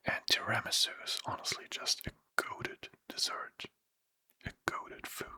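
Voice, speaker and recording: Sleepy, slow whispering ASMR creator. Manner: soft whispering, casual slang, rambling asides. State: sleepy, late at night. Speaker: ASMR creator thanking supporters.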